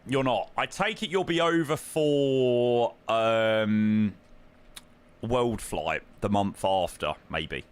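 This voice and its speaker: A man's voice: lowish voice, takes it slowly, clear, resonant tone. A British man chatting casually on a flight simulator livestream, informal and matey in manner.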